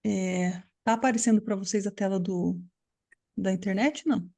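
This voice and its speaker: A woman's voice: medium pitch, fairly even intonation, normal speed, vocal fry, warm tone. A woman English teacher giving a live online class on a video call, explaining patiently and checking often that students follow.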